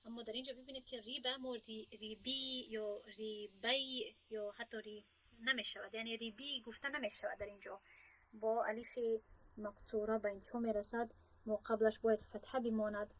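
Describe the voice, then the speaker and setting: A woman with a fairly high voice teaching a grammar class in Persian, her first language. She breaks each point down patiently, stopping to quiz her students and praise their answers. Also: fairly even intonation, rough recording. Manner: explains step by step, asks students questions and praises answers. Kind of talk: online grammar lesson.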